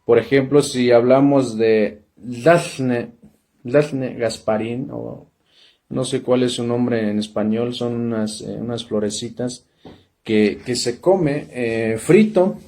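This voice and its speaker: Slow-speaking man teaching pronunciation. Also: medium pitch, mellow. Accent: Mexican Spanish. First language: Totonac. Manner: slow, repeats syllables and checks in with "¿sale?". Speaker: language teacher. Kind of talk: casual spoken lesson.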